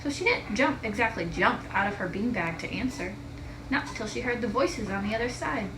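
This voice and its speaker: Animated and a little fast, the teacher's mid-range voice carries a children's story with lots of expression. The mic is distant, and the echoey room has noticeable background noise.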